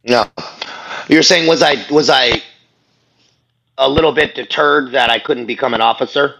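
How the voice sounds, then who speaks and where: Speaking from his living room over a video call, a man in his thirties tells his story bluntly in a candid interview, mocking himself and laughing often. His medium-pitched voice is gravelly and sharp, with fairly even intonation at a normal speed. The audio is dull and lo-fi, carrying a little hiss or hum.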